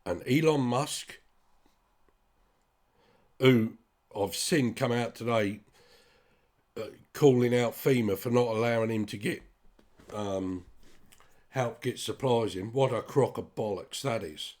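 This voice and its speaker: A man's voice: mid-range voice, slow, pauses often, a little mellow. A British man talking straight to his listeners in a blunt, sweary, rambling monologue. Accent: British English. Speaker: vlogger. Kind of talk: casual ranting monologue.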